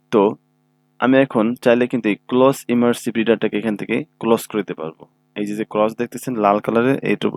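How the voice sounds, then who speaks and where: A man records a computer tutorial of his screen on his own microphone, his lowish voice creaky and darkish, the sound dry. As an instructor, he takes each step patiently and frequently confirms that listeners are following along.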